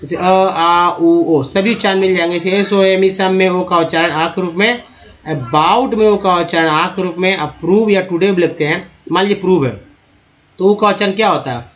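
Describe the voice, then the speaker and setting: A man's voice: high-pitched, moderate pace, fairly bright tone. A man giving an English pronunciation lesson in Hindi, explaining patiently and often restarting or repeating himself as he addresses viewers as friends. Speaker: English teacher.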